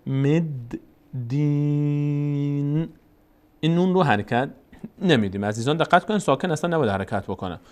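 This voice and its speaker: A man teaching Quran reading, explaining each letter and vowel mark, then chanting the verses slowly to show the right sound. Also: medium pitch, sing-song. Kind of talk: recitation lesson.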